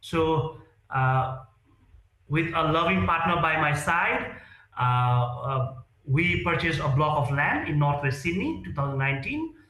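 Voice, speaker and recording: A man's voice: fairly high pitch, lively intonation, a little slow, sharp tone, echoey room, rough recording. A man, answering interview questions earnestly and hesitantly, with many fillers and restarts. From Nepal. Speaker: real estate sales executive, guest.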